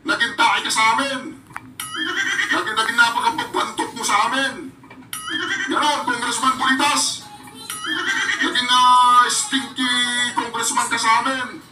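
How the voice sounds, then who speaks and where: A man's voice: extremely high pitch, steady tone, moderate pace, reverberant. A man hosting a vlog, taunting and mocking a clip as he reacts to it, heard from a distant mic with music behind. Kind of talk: political reaction commentary.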